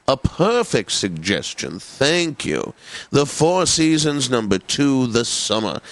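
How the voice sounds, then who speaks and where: In a satirical video game, a pompous, genteel, faintly lecherous male host of a classical station does scripted announcing that parodies the format. His medium-pitched voice lingers over every phrase in a theatrical, drawn-out way. The sound is dry and close, with no echo.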